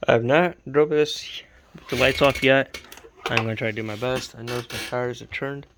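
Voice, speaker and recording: A man's voice: medium pitch, fairly even intonation, moderate pace, a bit bright, a little hiss or hum. Sleepy, rambling hobbyist man. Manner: rambling, easygoing, self-correcting. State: sleepy, late at night. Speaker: RC hobby vlogger. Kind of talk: casual build update vlog.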